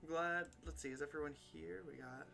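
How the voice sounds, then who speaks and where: A man's voice: a little high, steady tone, brisk, vocal fry, sharp tone. Male game master, easygoing, hesitant, chatty; light music under him. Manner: rambling, hesitant with fillers. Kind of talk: casual chat before a tabletop game stream.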